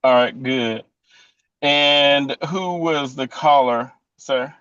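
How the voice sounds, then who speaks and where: A male defense attorney cross-examining a witness in court, pointed and deliberate. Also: mid-range voice, fairly bright tone, no room sound. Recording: dull, dry lo-fi courtroom audio.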